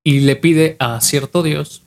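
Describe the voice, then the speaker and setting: A man's voice: fairly high pitch, steady tone, takes it slowly. A young adult man with a Mexican accent casually retells a legend from memory on a podcast, often repeating and restarting his phrases. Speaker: podcast co-host.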